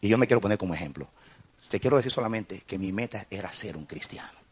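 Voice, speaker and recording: Male pastor, middle-aged, husky voice, swinging pitch, fervent sermon delivery. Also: animated, quick pace. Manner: impassioned, rising to emphatic peaks.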